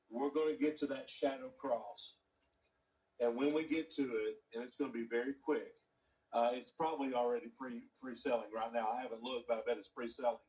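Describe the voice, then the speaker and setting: A man's voice: medium pitch, darkish tone, distant mic, low-quality recording. Upbeat man hosting a shopping show. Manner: enthusiastic, chatty salesman patter. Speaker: TV shopping host and gemologist. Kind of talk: live home shopping presentation.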